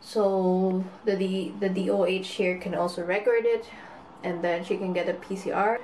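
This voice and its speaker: A woman's voice: medium pitch, little pitch movement, moderate pace, darkish tone. A young woman with a Filipino accent chatting casually to a camera, mixing Tagalog into English and trailing off. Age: young adult. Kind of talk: casual chat vlog. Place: apartment kitchen indoors. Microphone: camera at arm's length. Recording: roomy kitchen, light background noise.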